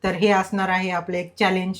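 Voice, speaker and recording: A man's voice: high-pitched, monotone, brisk, a bit bright. A young man from Maharashtra co-hosting a casual couple challenge vlog, easygoing and playfully confused. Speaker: vlogger.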